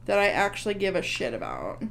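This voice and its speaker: A woman's voice: medium pitch, huge pitch swings, a little fast, creaky. A woman in her thirties co-hosting a casual podcast chat, blunt and dry, swearing freely. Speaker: podcast co-host.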